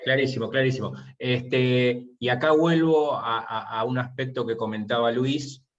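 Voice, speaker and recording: A man's voice: medium pitch, fairly even intonation, unhurried. A man, a university teacher, explaining his course methods in an online seminar and posing rhetorical questions. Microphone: video call. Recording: muffled video call audio.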